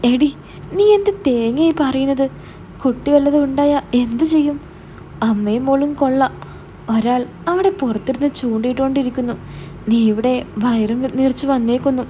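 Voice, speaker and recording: Woman reading as a bossy older brother, scolding, mellow voice, storybook. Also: sits high, moderate pace, a little hiss or hum, lightly acted. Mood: stern. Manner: scolding, demanding. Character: stern young adult older brother.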